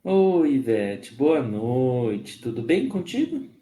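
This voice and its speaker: Male live host, hoarse from a cold, slow friendly delivery, roomy echo. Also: medium pitch, very animated, dark tone. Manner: slow, friendly, greets viewers by name. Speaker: host of a spiritist live stream. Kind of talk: casual greetings to live chat viewers. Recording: echoey room.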